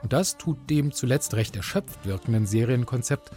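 A man's voice: mid-range voice, expressive, normal speed, warm tone. German radio critic, man, over faint music. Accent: standard German. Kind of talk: scripted radio review narration.

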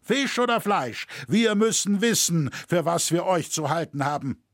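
A man voicing a brash, defiant shoemaker who shouts his demands at a crowd. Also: on the high side, expressive, measured pace, dry recording, clean studio sound, pitched above the performer's own voice. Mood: defiant shouting.

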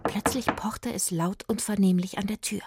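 A woman reading a children's story aloud with lively expression. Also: mid-range voice, moderate pace, heavy background noise. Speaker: story reader.

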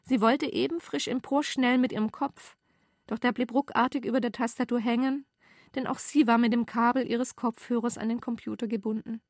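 A woman reading her first-person story aloud in a measured, deadpan way, recorded close to the mic. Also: on the high side, no echo. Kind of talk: literary reading.

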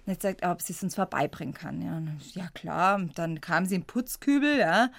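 A woman's voice: fairly low pitch, lively intonation, fairly quick, creaky, no echo. A woman from the Munich area, a guest in a radio interview, telling her story in a chatty way and laughing often. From Munich area, Germany. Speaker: guest, squirrel rescuer.

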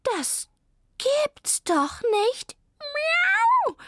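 A high, shrill female cat from a children's audiobook, quick to outrage and sprinkling her protests with meows, as a woman puts her on. The voice climbs far above the narrator's usual pitch and stays close and dry on the mic. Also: huge pitch swings, bright, forceful tone, no room sound, heavily acted. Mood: outraged. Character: excitable indignant female cat.

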